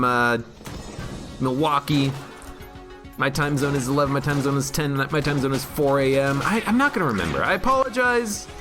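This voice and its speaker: A man's voice: mid-range voice, a bit bright. A man streaming a video game, rambling jokily through casual commentary and reading chat aloud. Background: game music.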